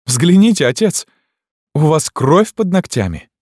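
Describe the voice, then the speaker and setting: A man with a deep voice reading an audiobook and voicing a proud, furious young woman prisoner who swings from icy coldness to screaming rage. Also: lively intonation, normal speed, a little mellow, dry recording, studio quality, natural voice. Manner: cold, then screaming in rage.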